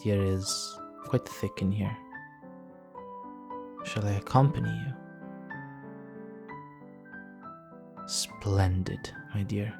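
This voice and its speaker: Playing an ancient vampire noble in an intimate audio fantasy, a man seduces the listener in a formal, teasing manner with an undercurrent of menace. His voice is low, creaky, slow and very even, music plays behind him, and the overall feel is charming and courtly.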